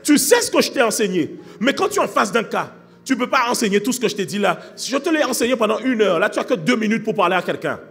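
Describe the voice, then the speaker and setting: A man preaching a sermon as pastor, fervent, shifting from shouted calls to fast, quiet explaining. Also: sits high, big pitch swings, vocal fry, big-room sound. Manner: fervent preaching, swings between shouting and rapid quiet talk.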